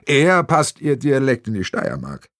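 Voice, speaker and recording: Male narrator, crime audiobook, wry, varied pitch, dry booth. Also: measured pace, no room sound. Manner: lively, wry storytelling. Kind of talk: scripted crime novel narration.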